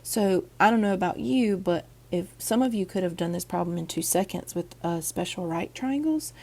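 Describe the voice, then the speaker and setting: Woman math teacher, gravelly husky voice from a cold, chatty and encouraging. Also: fairly low pitch, expressive, normal speed, a little mellow. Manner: chatty, encouraging, with frequent ums and okays. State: groggy voice from a cold. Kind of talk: recorded online math lesson.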